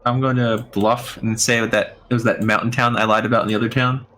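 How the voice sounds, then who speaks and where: A man's voice: mid-range voice, flat delivery, brisk, noisy background. A man playing in a tabletop game over an online call, talking casually and a bit hesitantly. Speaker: player. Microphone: online call mic.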